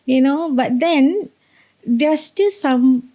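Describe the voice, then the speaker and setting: A woman's voice: high voice, slow pace, dark tone. Woman hosting a podcast. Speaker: podcast host. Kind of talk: university podcast interview.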